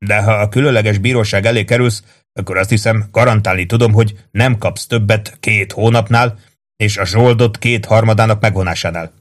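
A man reading as a gruff, sardonic army sergeant. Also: lowish voice, steady tone, lightly acted. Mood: blunt. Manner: blunt, mocking army talk.

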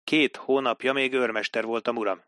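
A man's voice: medium pitch, steady tone, a bit bright, no room sound, clean studio sound, close to an everyday voice. A man doing a terse, respectful soldier. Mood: curt. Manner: curt, respectful. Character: plain-spoken, terse male ensign.

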